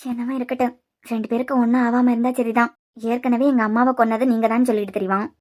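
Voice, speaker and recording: A woman's voice: on the high side, flat delivery, fast, darkish tone, close to an everyday voice. Woman doing a scolding cartoon mother-in-law. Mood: worried brooding. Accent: Kanyakumari Tamil. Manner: scolding, complaining. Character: sharp-tongued scolding middle-aged mother-in-law.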